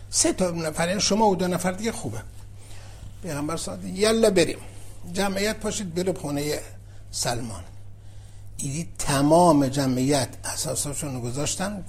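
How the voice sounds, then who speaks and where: Husky man telling a religious story. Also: darkish tone. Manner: conversational, acts out dialogue with shifts in pitch. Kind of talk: informal religious storytelling lesson.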